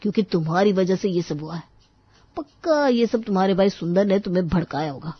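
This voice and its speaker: A woman's voice: mid-range voice, animated, brisk, slightly rough, no room sound. A woman voicing a worried, grumbling young husband who runs a tea stall in a cartoon, scolding his wife. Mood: angry. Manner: scolding, complaining. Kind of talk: cartoon voice acting. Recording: dull dry studio voice-over.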